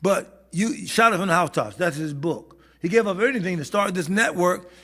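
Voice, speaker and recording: Man bishop preaching, animated, high voice, bright tone, long reverb. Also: fairly quick. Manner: animated, laughing, rising to shouts. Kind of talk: sermon at a prayer meeting. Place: church. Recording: hall reverb.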